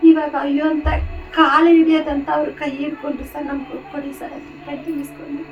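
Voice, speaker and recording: A woman's voice: high-pitched, flat delivery, brisk, lo-fi sound. A middle-aged woman with a Kannada accent speaking plainly and resignedly in a casual conversation. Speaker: wife and caregiver. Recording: music playing under the voice.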